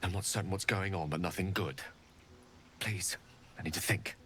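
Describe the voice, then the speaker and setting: A man playing a weary, troubled wizard companion in a fantasy video game, speaking in measured, formal phrases. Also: deep voice, fairly bright tone, a little hiss or hum. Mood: troubled, unsettled. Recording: game audio with background music.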